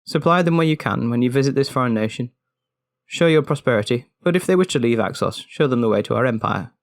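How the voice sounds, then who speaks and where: A man's voice: medium pitch, lively intonation, fast talker, gravelly, no echo. A man voicing a male orc preacher giving a formal, declamatory plea in an audio story. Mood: exhorting. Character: male orc preacher addressing his people.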